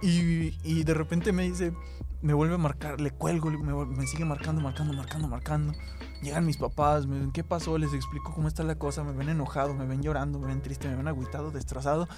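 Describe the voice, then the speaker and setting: A man's voice: a little high, little pitch movement, brisk, music in the background. A young man with a Mexican accent, co-hosting a casual chat and telling a personal story with lots of feeling. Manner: emotional storyteller who acts out quoted lines. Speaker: podcast co-host.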